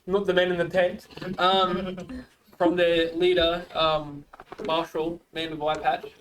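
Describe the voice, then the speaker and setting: A man's voice: high-pitched, flat delivery, slow pace, fairly bright tone, far from the mic, slight background noise, rough recording. A man playing a cleric in a tabletop game, joking around. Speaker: player.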